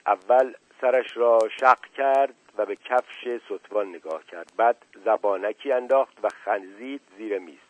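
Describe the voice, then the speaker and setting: A man narrating a literary audiobook in a steady, measured reading. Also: lowish voice, dry recording. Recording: tinny, dry, phone-like sound.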